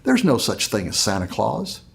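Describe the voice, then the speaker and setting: A man's voice: fairly low pitch, huge pitch swings, moderate pace, creaky, pitched below the performer's own voice, full character voice. Guy doing a snotty big brother, mocking, voice jumps all over. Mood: scornful. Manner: mocking, blunt. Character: scornful older brother, blunt boy.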